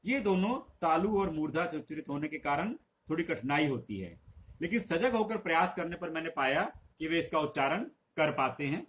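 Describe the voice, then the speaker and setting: Middle-aged man, Hindi teacher, explanatory lesson, slow emphatic example sounds, slightly raised pitch, faint background noise. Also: animated, fairly bright tone. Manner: patient, instructive.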